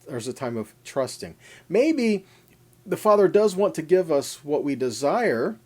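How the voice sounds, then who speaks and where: This preacher's mid-range voice is a little mellow. Teaching a scripture lesson, he gives a conversational, informal sermon with scripture readings, speaking straight to his listeners and stressing ideas through repeated, parallel phrasing.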